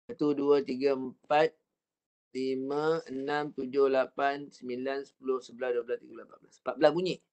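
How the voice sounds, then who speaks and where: A man's voice: mid-range voice, flat delivery, darkish tone, clean tone. A man with a Malaysian Malay accent teaching an online Quran reading lesson, patiently drilling letter sounds and stretching out Arabic words as he demonstrates them. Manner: slow, patient drilling with counting and model recitation.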